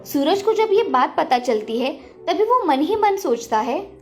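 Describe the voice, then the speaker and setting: Reading a children's story from a script, a woman speaks in a very high, highly animated voice with expressive storytelling flair. Her pace is a little slow, and music plays beneath her.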